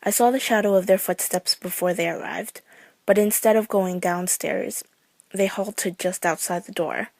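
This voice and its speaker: Woman narrator for a true scary story: mid-pitched, dry close recording, steady suspense. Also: normal speed, gravelly, dry recording.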